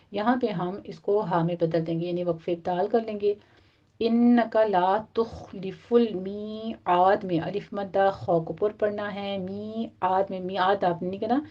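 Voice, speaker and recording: A woman teaching the rules of Quran recitation. She explains each point patiently, one step at a time, and slows into a drawn-out chant when she recites the verses. The recording sounds dull and muffled, like lo-fi audio. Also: medium pitch.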